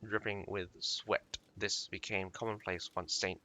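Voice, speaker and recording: A man reading a game's lore aloud, breaking off often to comment in a halting, casual way with many fillers. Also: deep voice, level tone, sharp tone. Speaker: lore reader and streamer.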